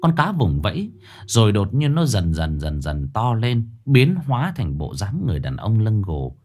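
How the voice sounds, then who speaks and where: Man, low voice, lively pitch, ghost story narration. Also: normal speed.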